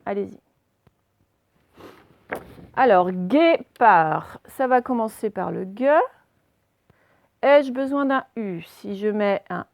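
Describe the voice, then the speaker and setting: Leading a dictation lesson for children, a woman primary school teacher sounds out every letter and syllable with care. She has a creaky mid-range voice with no room sound.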